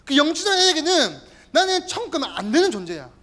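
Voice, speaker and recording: Earnest male pastor with lively pitch. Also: a little fast. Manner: earnest, exhorting, repeatedly addresses the listeners. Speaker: youth group pastor. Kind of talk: sermon. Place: church. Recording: instrumental music playing behind.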